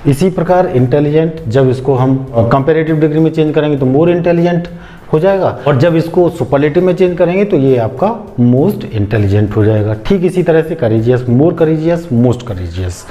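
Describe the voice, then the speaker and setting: A man, an English teacher explaining grammar slowly, step by step, and asking rhetorical questions as he goes. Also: a little high, dark tone.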